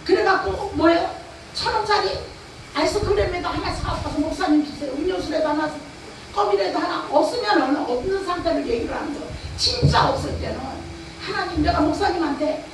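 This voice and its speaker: High, gravelly woman pastor preaching in an echoey hall. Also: a little fast. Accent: Chungcheong Korean. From Chungcheong, Korea. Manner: emphatic preaching with rhetorical questions. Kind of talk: revival sermon. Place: church or prayer house hall. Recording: echoey hall, far from the mic, faint noise.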